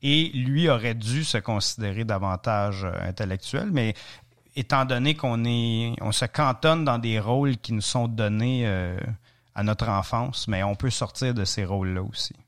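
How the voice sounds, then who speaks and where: A man chats as an interview guest. He thinks aloud, restarting phrases and pausing often. His voice sits at a middle pitch. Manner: thoughtful, many restarts and hesitations. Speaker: podcast guest, travel author. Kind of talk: casual interview talk.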